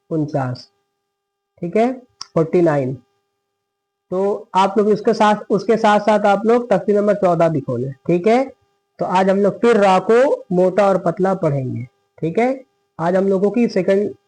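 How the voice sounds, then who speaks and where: A man teaching Quran recitation online, his voice sitting high. He talks slowly and patiently, repeating words, asking questions and answering them himself, and he draws out each verse in a long chant. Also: a little mellow, rough recording. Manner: slow drawn-out chanting of verses.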